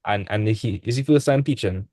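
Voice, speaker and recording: A man's voice: on the low side, moderate pace, mellow, dry recording. Young guy teaching maths on a call, easygoing, dry sound. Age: young adult. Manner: casual, laid-back teaching with dialect speech. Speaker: maths tutor. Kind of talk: online class. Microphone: video call.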